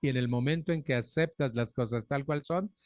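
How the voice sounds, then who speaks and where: A man's voice: medium pitch, brisk, dry recording. Blunt middle-aged Mexican man testifying. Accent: Mexican Spanish. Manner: frank and earthy, with blunt profanity and direct questions to the audience. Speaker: speaker at a recovery group anniversary. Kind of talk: personal testimony talk to an audience. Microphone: microphone on a stand.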